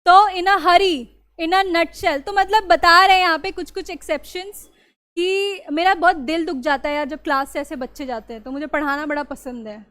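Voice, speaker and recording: This female teacher has a very high, sharp voice that stays steady at a normal speed. Leading a grammar lesson for her class, she switches between Hindi and English and repeatedly asks if everything is clear to the students.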